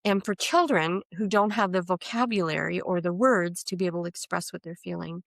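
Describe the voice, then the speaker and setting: Middle-aged woman guest, chatty and animated, acts out the voices of people in her stories, dry close sound. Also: on the low side, brisk, gravelly, no echo. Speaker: energy coach guest. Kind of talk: casual podcast interview.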